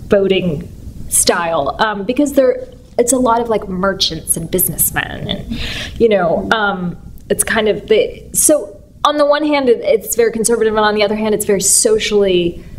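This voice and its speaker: A woman's voice: medium pitch, expressive, moderate pace. Woman from San Francisco, stage artist in a casual interview, chatty, rambling, lots of ums, faint noise. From San Francisco, United States. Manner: chatty, rambling, many fillers.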